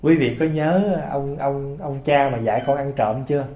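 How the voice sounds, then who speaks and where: A man's voice: medium pitch, moderate pace, mellow. A man giving a storytelling Buddhist sermon, folksy and often asking his listeners questions. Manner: folksy, asks the audience questions. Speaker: Buddhist preacher. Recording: roomy, dull lo-fi sound.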